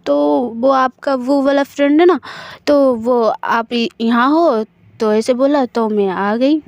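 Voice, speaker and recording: A woman reading the part of a shy, polite young woman in an audio story, hesitant, in a high, dry voice. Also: slow, no echo.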